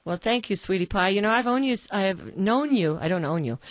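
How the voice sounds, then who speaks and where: A woman's voice: medium pitch, expressive, fairly quick, dry recording. Woman, radio host, effusive, chatty, dry studio sound. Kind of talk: radio interview.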